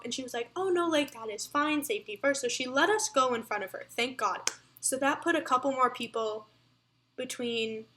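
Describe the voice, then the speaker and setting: A woman's voice: high-pitched, a bit bright. A young woman telling a storytime vlog, chatty and breathless, full of fillers. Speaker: vlogger.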